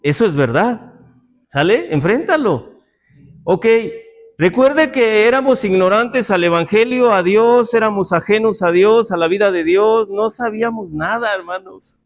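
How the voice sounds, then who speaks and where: High-voiced man teaching a Bible class. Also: animated, measured pace. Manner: joking asides and rhetorical questions to the class.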